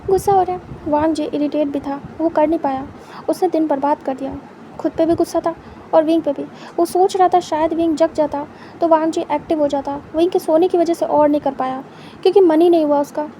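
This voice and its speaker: A woman reading fan fiction aloud as a storyteller, in an even, unhurried way. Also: high voice, a little hiss or hum.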